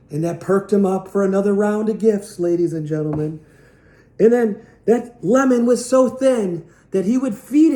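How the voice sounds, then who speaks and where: A man giving a playful, rambling product demo as a salesman, repeating his jokes as he goes. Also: dark tone. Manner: rambling, jokey, repetitive sales pitch. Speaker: knife sales representative. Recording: echoey room.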